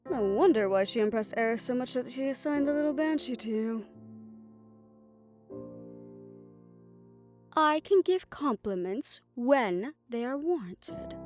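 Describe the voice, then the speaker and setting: Playing a protective doctor who is stern yet quietly fond of the listener, a woman with a high voice sounds dry and commanding in this audio roleplay. Her delivery is measured, formal and a touch haughty, and the recording carries a roomy echo.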